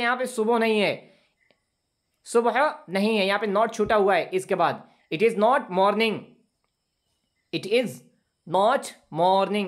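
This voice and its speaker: A man teaching an English grammar lesson, patiently repeating phrases slowly for his students. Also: sits high. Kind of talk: classroom lesson explaining grammar.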